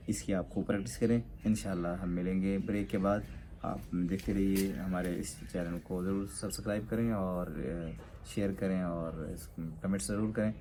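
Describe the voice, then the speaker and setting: A man teaching Quran pronunciation, explaining letter sounds and drawing out the model syllables slowly. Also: low voice, fairly even intonation, mellow, slight background noise. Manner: slow, drawn-out model pronunciations; explains with pointing gestures. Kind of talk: tajweed lesson.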